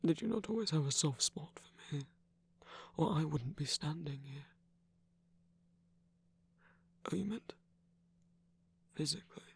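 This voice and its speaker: In an intimate ASMR roleplay, a performer voices a tender villain comforting a lover, often whispering gently and coaxingly close to the microphone. The mid-range voice is breathy and husky, with a soft, probing mood.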